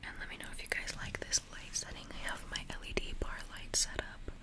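A young adult woman rambles casually in a breathy ASMR whisper, very close to the microphone, with nail taps. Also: brisk. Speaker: ASMR video creator. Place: small bedroom. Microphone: close desktop condenser microphone.

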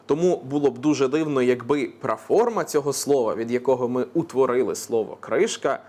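A man presenting a scripted language explainer, brisk and with playful asides. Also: medium pitch, a little mellow. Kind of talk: scripted educational narration.

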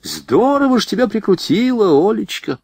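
A man's voice: sits high, sing-song, normal speed, vocal fry, darkish tone, slightly rough, no room sound, voice pushed up, full character voice. A man voicing a teasing young male officer who mocks his friend. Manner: mocking, sly.

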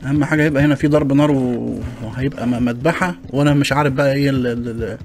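A man's voice: mid-range voice, steady tone, racing, darkish tone, slight background noise. A man with an Egyptian Arabic accent giving joking, chatty gameplay commentary and complaining to his viewers as he plays. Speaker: gaming channel host.

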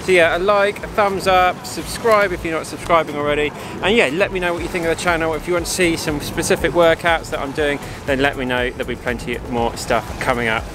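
A man in his thirties gives a casual vlog update outdoors. His voice sits a little high for a man. He speaks informally to a nearby camera. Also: fairly even intonation, a little fast, hardly any pauses, noisy background. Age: 30s. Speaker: running vlogger. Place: outdoors in open air.

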